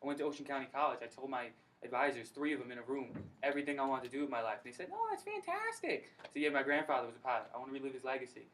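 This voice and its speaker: A young man giving an energetic, slangy personal testimony at a recruiting meeting in a college room. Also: mid-range voice, racing, few pauses. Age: young adult. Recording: distant mic, faint background noise.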